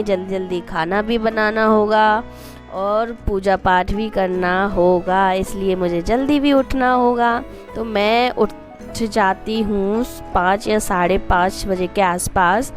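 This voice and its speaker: A woman with a Hindi accent from Madhya Pradesh vlogs her daily routine, chatting homily and rambling off into asides for her viewers. A cold has made her hoarse, and her mid-range voice is a little mellow.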